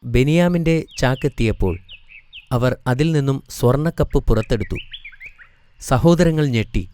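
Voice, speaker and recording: A man calmly narrating a scripted storybook for children. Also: mid-range voice, smooth. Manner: calm, measured reading.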